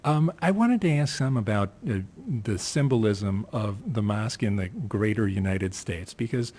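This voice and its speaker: A man's voice: lowish voice, lively intonation, normal speed, darkish tone. A man hosting a live radio interview, asking questions in a conversational way with frequent restarts, at a table mic. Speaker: radio host. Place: mosque event room, live broadcast table. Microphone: table mic with headphones.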